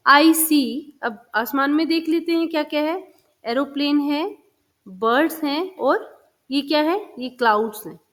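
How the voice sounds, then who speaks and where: A woman teacher talks slowly and patiently to young pupils, her voice sitting a little high. She sounds encouraging, mixing English words into her explanations. A long reverb trails after her lines. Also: a bit bright. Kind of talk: children's lesson explaining a textbook.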